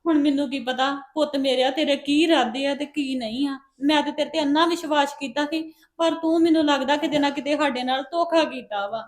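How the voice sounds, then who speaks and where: A woman's voice: high voice, fairly quick, few pauses. A woman with a Punjabi accent, acting a mother in a family drama, hurt and reproachful.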